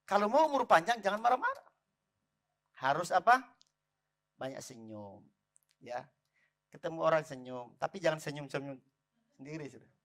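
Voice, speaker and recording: A man preaching a lively sermon in church, calling out to the congregation. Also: on the high side, moderate pace, pauses often. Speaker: pastor.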